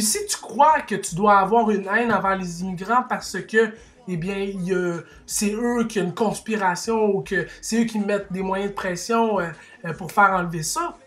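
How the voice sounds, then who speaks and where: A male vlogger with a Québécois French accent delivers a passionate opinion monologue, emphatic and rhetorical, restarting his sentences often. His voice is high and fairly bright.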